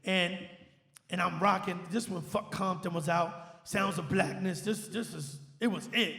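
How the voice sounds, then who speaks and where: A man tells an animated story in a high, gravelly voice. He acts out the quoted lines of dialogue. The studio sound is echoey, with a long reverb. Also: measured pace. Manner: acts out quoted dialogue with big jumps in pitch. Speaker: DJ guest. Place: live-stream studio.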